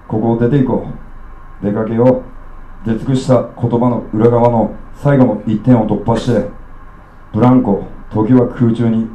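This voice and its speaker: A man from Okayama performing his own poetry live, with rough, streetwise declamation. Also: mid-range voice, warm tone, echoey room, highs cut off. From Okayama, Japan. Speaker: spoken-word poet. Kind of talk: live spoken-word poetry reading.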